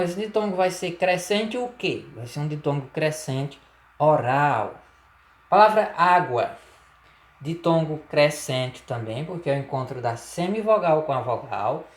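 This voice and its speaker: Man, Brazilian accent, grammar teacher, unhurried and methodical, rhetorical questions, roomy echo. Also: on the high side. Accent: Brazilian Portuguese. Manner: slow, deliberate explaining, frequent rhetorical questions and "tá?". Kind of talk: grammar lesson. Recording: echoey room.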